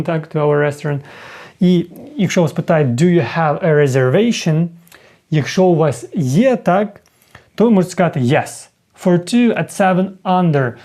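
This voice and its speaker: A man's voice: fairly high pitch, warm tone. A man explaining English restaurant phrases in a casual online lesson, often checking in with his viewers. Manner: explanatory, often adds "так?" and "друзі". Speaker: English teacher.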